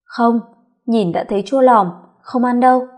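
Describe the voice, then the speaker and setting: A woman's voice: fairly high pitch, measured pace, darkish tone, close to an everyday voice. A woman voicing a chatty, nosy young female coworker who teases and pries. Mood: teasing. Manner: teasing, prying.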